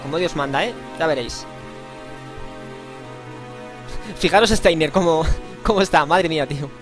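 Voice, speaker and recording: A let's play host from Spain jokes and exclaims as he plays, keeping his commentary casual, playful and slangy. His voice is a little high and a bit bright, and he takes his time. Faint game music plays behind him.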